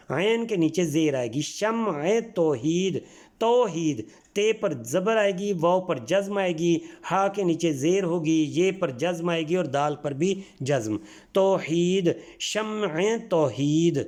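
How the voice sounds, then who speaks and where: This is a man from Pakistan, his voice a little mellow and pitched fairly high. Explaining textbook exercises in a school language class, he takes his time and breaks words down into their individual sounds.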